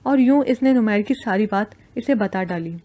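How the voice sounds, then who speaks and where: A woman narrating a romantic novel in a steady, storytelling manner. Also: medium pitch. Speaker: audiobook narrator.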